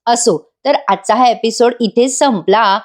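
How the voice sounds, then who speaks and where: Woman, serial review voice-over, somewhat high voice, animated recap. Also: unhurried. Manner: acts out characters' lines in quotes, animated.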